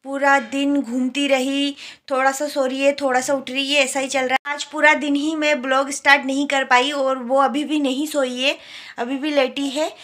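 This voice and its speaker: A woman's voice: high-pitched, level tone, moderate pace, fairly bright tone. A young woman from India, a new mother, chatting casually at home in her vlog and explaining what she shows on her phone camera. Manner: chatty, explains while showing things. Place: home, indoors.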